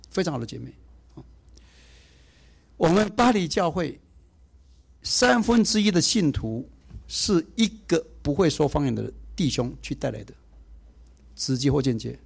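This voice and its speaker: A man preaching a sermon in a conversational way, swinging between emphatic points and soft, quiet asides. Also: a little high, vocal fry, slightly rough.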